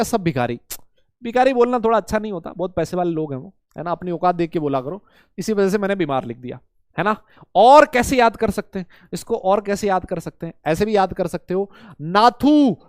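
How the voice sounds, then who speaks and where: A man teaching chemistry to students in a lively lecture, asking questions and answering them himself, with playful memory tricks. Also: high voice, smooth, no room sound, clean studio sound. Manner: voices imagined student questions.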